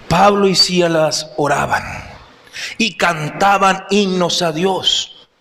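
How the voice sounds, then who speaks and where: High-voiced impassioned male preacher. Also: slow pace, gravelly, a bit bright. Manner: impassioned preaching, addresses listeners as brothers. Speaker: pastor. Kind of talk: sermon. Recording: long hall reverb.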